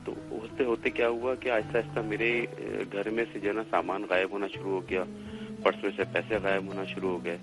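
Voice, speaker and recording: A man's voice: lowish voice, fairly quick, music in the background. Middle-aged man telling a ghost story. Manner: animated, acts out family members' lines. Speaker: caller telling a haunting story. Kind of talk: casual storytelling.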